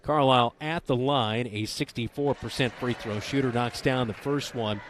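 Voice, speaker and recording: A man handles play-by-play duties for a high school basketball broadcast from the gym. His delivery is quick and excited, with playful banter, and the gym is noisy behind him.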